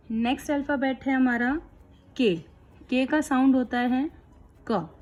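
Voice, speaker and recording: Slow, patient woman teaching phonics. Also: on the high side. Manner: slow, clear, patient explaining. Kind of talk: kids' phonics lesson.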